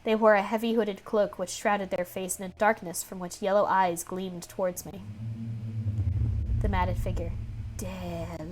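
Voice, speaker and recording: A woman's voice: medium pitch, fairly even intonation, moderate pace, few pauses, slight background noise. A woman streamer reading a visual novel aloud, mixing narration with casual, sarcastic commentary and easy swearing. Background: faint music.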